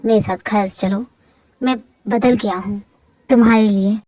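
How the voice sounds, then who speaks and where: A woman's voice: medium pitch, steady tone, unhurried, over loud music, lightly acted, rough recording. A woman voicing an obsessive, possessive young mafia husband in a fan-fiction audio drama, pleading one moment and lashing out the next. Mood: coaxing. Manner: pleading and possessive, swings to angry outbursts.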